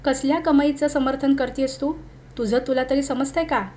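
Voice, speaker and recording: A woman's voice: high voice, fairly even intonation, moderate pace, darkish tone, slight background noise, lightly acted. A woman reading the lines of a young man, a struggling commercial artist, who answers curtly and grows irritated. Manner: protests and snaps in exasperation.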